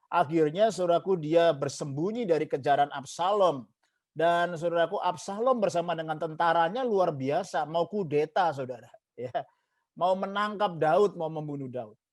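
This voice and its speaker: A man with a fairly high voice preaches a sermon as a pastor at normal speed, emphatic and full of repeated parallel phrases. He speaks Indonesian sprinkled with English phrases and often repeats "saudaraku."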